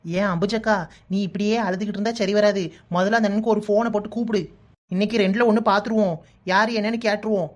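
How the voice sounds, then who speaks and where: A woman's voice: mid-range voice, steady tone, close to an everyday voice. A woman voicing a bossy, meddling young village woman in a cartoon, urging her friend on in a Kanyakumari accent. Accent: Kanyakumari Tamil. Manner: rapid, pushy urging. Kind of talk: cartoon voice acting.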